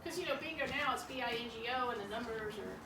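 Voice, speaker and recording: A woman's voice: a little high, fast. A woman working as a tour guide, telling local legends informally in a conversational, skeptical, matter-of-fact way. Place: indoor room of an old bar building. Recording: roomy echo, distant mic, faint noise.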